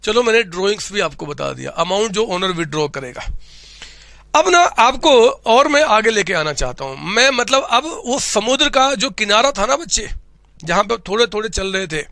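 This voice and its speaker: A man's voice: sits high, lively intonation, normal speed, creaky, pushed and bright, no room sound. A man teaching accounting in a playful, boastful style, asking again and again whether the class understands. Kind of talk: humorous classroom lecture.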